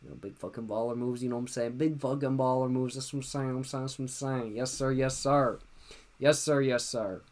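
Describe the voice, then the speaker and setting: Young man, livestream host, buzzed, relaxed slangy chat, repeats himself. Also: mid-range voice, a little fast. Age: 20s. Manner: laid-back, slangy, repeats phrases. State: tipsy. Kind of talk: casual livestream chat reading viewer questions.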